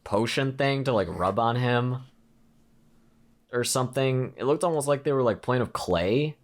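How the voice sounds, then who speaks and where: A man's voice: mid-range voice, expressive, moderate pace. A young man co-hosting a podcast, recapping a horror film in a rambling, casual way full of filler words. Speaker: podcast co-host. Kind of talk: casual movie review chat.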